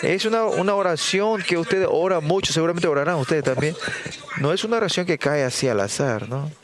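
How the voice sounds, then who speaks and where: A middle-aged man preaching a sermon as pastor, halting with fillers and tag questions and acting out prayers in a raised voice. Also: a little high. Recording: congregation audible behind.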